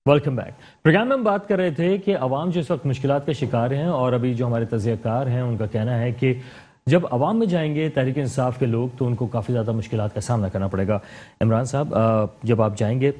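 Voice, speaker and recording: A man's voice: medium pitch, a little mellow. A man hosting a political talk show, pressing his guests with pointed questions.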